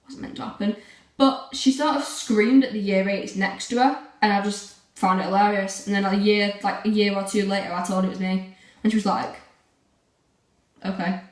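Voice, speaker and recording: A woman's voice: medium pitch, fairly even intonation, moderate pace. A teenage girl chatting casually to camera in a rambling way, full of fillers. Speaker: vlogger. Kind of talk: casual vlog chat. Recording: roomy, from a distance.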